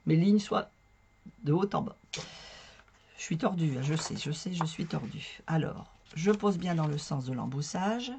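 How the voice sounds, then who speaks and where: A woman from northern France, hoarse and strained from a sore throat, walks viewers through making a card while she works. She keeps it chatty and pokes fun at herself, in a fairly low, slightly mellow voice, for a casual crafting tutorial.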